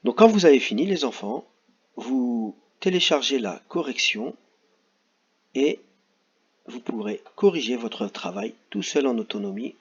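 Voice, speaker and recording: Male teacher, slow and patient, lively pitch, slightly husky, dull lo-fi recording. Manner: slow, patient, spells out sounds and letters. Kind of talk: recorded classroom lesson for children.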